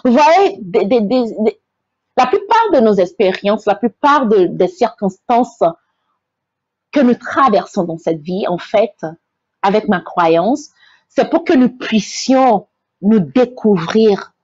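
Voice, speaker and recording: A woman's voice: medium pitch, lively intonation, takes it slowly, a little mellow, husky, dry recording, lo-fi sound. A woman from Togo, hosting a faith-based inspirational talk. She speaks earnestly, repeats her key phrases and stumbles over repeated words. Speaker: host, motivational speaker.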